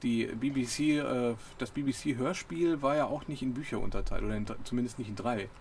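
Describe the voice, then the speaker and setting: A man's voice: medium pitch, normal speed, darkish tone, slight background noise. Chatty man rambling through a book. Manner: chatty, with many fillers and self-corrections. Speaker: podcast host. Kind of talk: casual book discussion.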